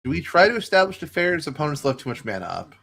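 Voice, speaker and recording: A man co-hosting a podcast, trading quick quips and laughs during casual card game commentary. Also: a little high, big pitch swings, creaky, a bit bright.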